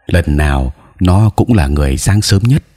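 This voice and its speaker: A man reading aloud his own story as a measured, deliberate storyteller. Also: low voice, animated, mellow. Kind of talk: storytelling narration.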